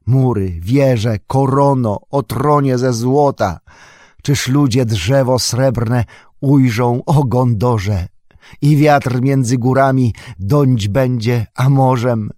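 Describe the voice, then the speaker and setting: A man's voice: mid-range voice, slow pace, warm tone, dry recording, clean studio sound, voice pushed up, lightly acted. A man voicing a noble, weary male ranger who speaks solemnly and with longing, his voice raised and ringing.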